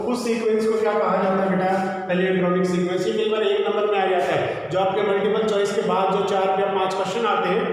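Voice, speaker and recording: Male teacher, higher voice, drilling students on terms; recorded far off in a very echoey room. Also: a little hiss or hum. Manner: repeats key terms as questions, addresses students as beta. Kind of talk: classroom biology lesson.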